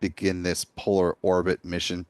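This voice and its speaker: A man's voice: low voice, completely flat delivery, normal speed, no echo. A man hosting a live launch webcast, explaining events in a composed way.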